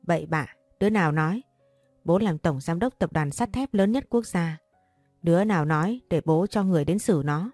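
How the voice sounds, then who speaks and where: A woman voicing a doting, flustered father who coaxes his young daughter, in a low, dark reading voice. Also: expressive, normal speed, no room sound, faint music behind. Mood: indignant. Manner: coaxing, then scolding.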